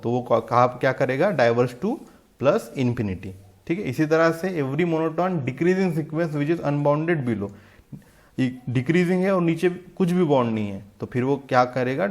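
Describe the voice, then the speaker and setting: A man's voice: a little high, a little mellow. Man teaching maths with rhetorical questions. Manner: asks the class rhetorical questions, says "theek hai" often; reads English definitions out slowly. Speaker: math lecturer. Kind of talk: explaining maths in Hindi mixed with English.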